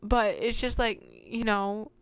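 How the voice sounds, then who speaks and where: A woman's voice: on the high side, fairly even intonation, slow, smooth, no echo. A young woman hosting a podcast, telling her own work stories in a casual, chatty monologue full of fillers and little laughs. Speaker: podcast host.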